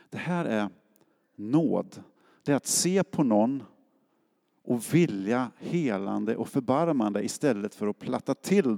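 A man's voice: medium pitch, creaky, warm tone. A middle-aged man from Sweden preaching a sermon as a pastor, in a casual storytelling way that acts out quotes. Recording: long hall reverb.

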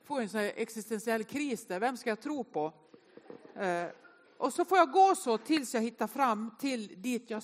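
A woman, telling self-mocking stories in an animated way during a humorous Sunday sermon to a congregation. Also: a little high. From inland northern Sweden. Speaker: speaker at a Sunday service. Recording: long reverb of a large hall.

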